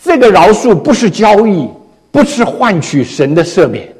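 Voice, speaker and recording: A male pastor preaching a sermon in an animated storytelling manner. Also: high voice, moderate pace, slightly rough, long reverb tail. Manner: storytelling, animated, frequent tag particles.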